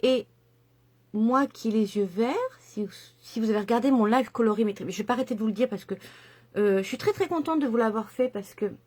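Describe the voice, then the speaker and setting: A middle-aged woman with a somewhat high voice talks casually as she does a makeup tutorial. She is chatty and enthusiastic, with frequent fillers and asides. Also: fairly quick, warm tone. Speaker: makeup vlogger.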